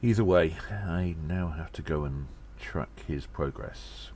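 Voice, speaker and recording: A man tells an audio drama tale as a gnome secret agent, sounding grave and concerned. His strikingly low voice is a little mellow, and his delivery is theatrical, self-important, cheeky and deliberate, with noticeable background noise behind it.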